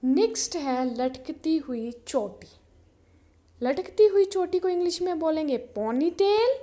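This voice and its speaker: A woman teaching a vocabulary lesson, saying each word slowly and repeating it. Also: extremely high pitch, animated, dark tone. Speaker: English teacher.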